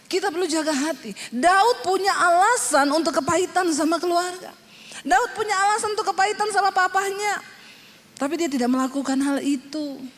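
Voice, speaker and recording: A woman pastor preaching, telling funny stories in a colloquial, animated way. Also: very high-pitched, moderate pace, in a large hall. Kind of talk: sermon with storytelling.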